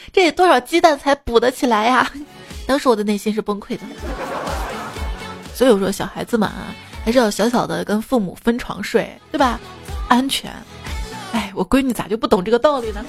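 A woman's voice: a little high, gravelly. A woman hosting a comedy show, reading listeners' funny anecdotes aloud, acting out the quoted lines and laughing at her own jokes. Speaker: comedy podcast host. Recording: background music.

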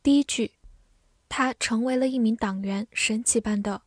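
A woman teacher reviewing vocabulary, saying each word twice in a clear, careful way before giving its meaning. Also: fairly high pitch, normal speed, dry recording, clean studio sound.

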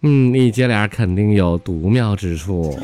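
A man from Northeast China with a Northeastern Mandarin accent hosts his own show, telling comic stories alone in an unhurried way over loud background music. He is lively, laughs at his own jokes and jumps his pitch when quoting characters.

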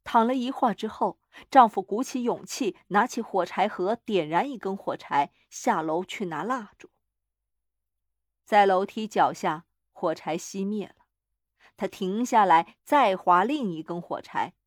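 A woman's voice: medium pitch, animated, no room sound. Dry, close woman storyteller. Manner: measured, dramatic reading. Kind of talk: scripted narration of a horror story.

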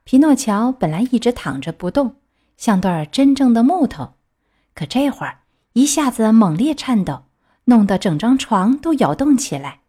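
Woman storyteller, lively pitch, expressive children's reading. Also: moderate pace, husky.

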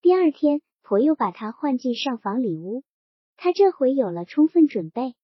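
Husky high-voiced woman reading a novel. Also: very animated, moderate pace, dry recording. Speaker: audiobook reader. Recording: dry dull lo-fi recording.

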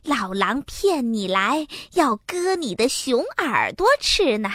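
A woman's voice: on the high side, big pitch swings, takes it slowly, a bit bright, no echo, clean studio sound, full character voice. A woman voicing a sneaky, lying fox in a children's story, wheedling and scheming. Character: sly fox, sneaky trickster. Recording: music playing behind. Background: background music.

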